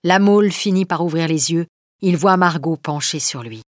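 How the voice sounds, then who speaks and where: A woman narrating a storybook with an expressive reading. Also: deep voice, normal speed, no room sound, clean studio sound. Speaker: audiobook narrator.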